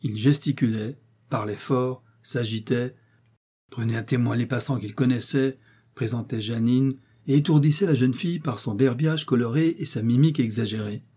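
A man reading a story aloud in a measured, even manner. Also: mid-range voice, slightly rough. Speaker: audiobook narrator. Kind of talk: storybook narration.

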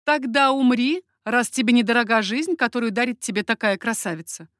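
A woman reading an audiobook, voicing a bold young swordsman who speaks in slow, stern commands. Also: mid-range voice, expressive, no room sound, studio quality, close to an everyday voice. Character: young male Piedmontese swordsman, bold and harsh.

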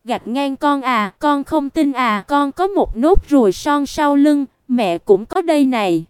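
A woman reading the part of a tearful middle-aged mother in a storybook, in a soft, pleading way. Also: high voice, lively intonation, a little slow, no echo, clean studio sound.

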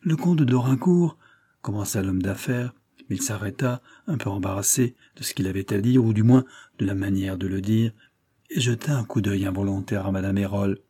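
A man narrating a classic children's novel as an audiobook, reading in a steady, even way. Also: on the low side, a little fast, slightly rough. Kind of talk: scripted narration.

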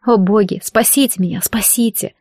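A woman's voice: on the high side, a little fast, no room sound, natural voice. A woman reading an audiobook voices a frightened young peasant bride who whimpers and begs for mercy, with a dry close sound. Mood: terrified. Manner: whimpering, imploring. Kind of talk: audiobook character voice.

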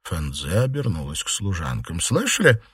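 A man narrating a classic novel as an audiobook in an expressive, theatrical way. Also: deep voice, moderate pace, husky, no room sound, clean studio sound.

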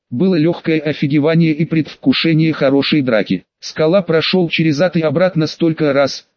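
A man narrating an audiobook in an even storytelling manner. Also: fairly high pitch, no echo. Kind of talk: scripted narration. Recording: dry, dull lo-fi studio read.

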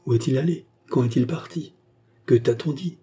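A man voicing a resolute young nobleman, urgent and suspicious, in an audiobook reading with a dark, husky voice. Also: mid-range voice, moderate pace. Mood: troubled. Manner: urgent, emphatic. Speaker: character in a read novel.

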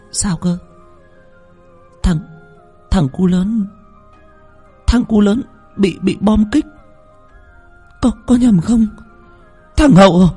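A man's voice: sits high, a little mellow, breathy edge, voice pushed up, heavily acted. A man voicing a grief-stricken old grandmother who stammers and trembles in a spoken ghost story.

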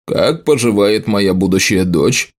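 A man's voice: on the low side, measured pace, pitched below the performer's own voice. A man reading aloud and voicing a smug village man who teases with false friendliness. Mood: mocking. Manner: sly, teasing.

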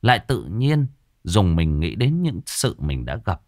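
Expressive low-voiced male storyteller. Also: measured pace, no echo, clean studio sound. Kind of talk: ghost story narration.

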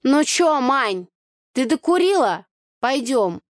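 A woman's voice: sits high, sing-song, slow, dry recording, clean studio sound, pitched above the performer's own voice, exaggerated voice. Woman reading as a brash slangy party girl.

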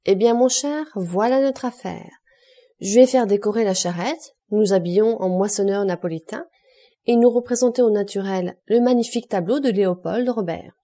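A witty young viscount full of himself, voiced by a woman reading aloud, in a mellow, warm tone. He talks with playful enthusiasm in this storybook reading. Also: medium pitch, close to an everyday voice. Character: young male French viscount, boastful and witty.

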